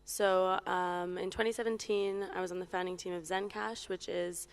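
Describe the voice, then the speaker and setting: A woman from Hong Kong speaking as a panelist in a conference discussion, measured and even, with a few fillers. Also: on the low side, clear, resonant tone.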